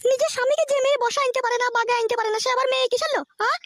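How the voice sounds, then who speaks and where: A woman's voice: extremely high pitch, rapid-fire. A woman doing a bossy, earthy cartoon mother. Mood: advising. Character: bossy, crude village mother giving blunt advice. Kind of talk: cartoon voice acting.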